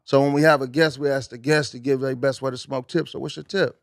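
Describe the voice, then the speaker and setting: A man hosting a podcast, asking his guest questions in a relaxed, easygoing way. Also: medium pitch, fast talker, no room sound, clean studio sound. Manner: easygoing, keeps saying "yep" and "I could dig it". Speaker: podcast host. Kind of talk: casual podcast interview.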